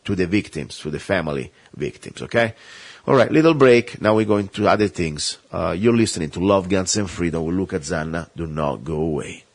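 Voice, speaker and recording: A man's voice: sits low, brisk, slight background noise. A man hosting a talk radio show, delivering an emphatic, rambling, impassioned monologue.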